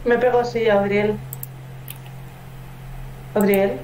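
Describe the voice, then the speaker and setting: A woman's voice: medium pitch, level tone, slow, a little mellow, slight background noise. A young woman playing a tabletop game, casually describing her character over a video call. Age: young adult. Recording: echoey video call, faint music.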